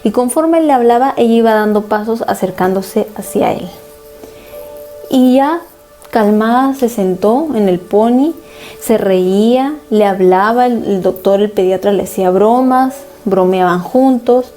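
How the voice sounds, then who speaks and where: A woman's voice: medium pitch, a little slow, mellow, soft background music. A woman pastor preaching a sermon and earnestly recounting a personal family story as testimony.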